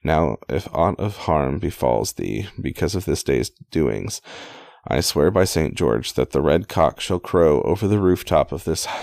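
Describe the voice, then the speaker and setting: Gruff grieving outlaw, read by a man in his own very deep, gravelly voice. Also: dry recording, studio quality, heavily acted. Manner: plain read-aloud delivery, stumbles on old wording.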